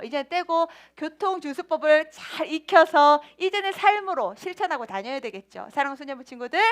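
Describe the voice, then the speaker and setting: A woman, talking in a lively, playful way and laughing often. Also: high voice. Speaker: children's ministry preacher. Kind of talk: children's sermon.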